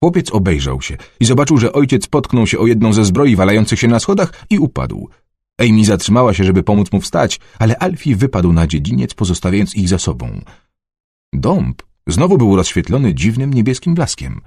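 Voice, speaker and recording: A man narrating an adventure novel in a dramatic, expressive storytelling manner. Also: fairly low pitch, fairly quick, slightly rough, no echo, clean studio sound. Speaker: audiobook narrator.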